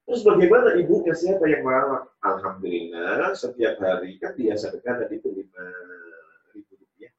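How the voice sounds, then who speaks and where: A man's voice: medium pitch, lively intonation, fairly quick. A male preacher giving a sermon, telling a story dramatically and acting out its voices. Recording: distant, roomy, dull sound.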